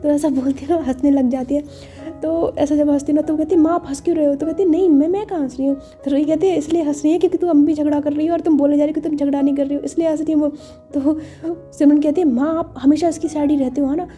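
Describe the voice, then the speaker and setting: A woman's voice: high-pitched, fairly even intonation, fast, warm tone, faint music behind. A woman telling a story casually, retelling each scene and voicing the characters' lines herself. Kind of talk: casual storytelling narration with voiced dialogue.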